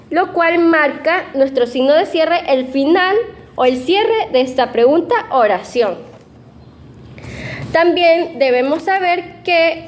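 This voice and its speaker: High-voiced young woman presenting a lesson. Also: slight background noise. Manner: explanatory, with fillers and self-corrections. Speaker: student presenter. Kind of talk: class presentation.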